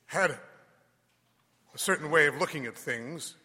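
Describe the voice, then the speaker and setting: A man speaking as a priest in a large, echoing church, reading scripture and preaching in a solemn, deliberate way with pauses. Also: fairly high pitch, pushed and bright. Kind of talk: Gospel reading and homily.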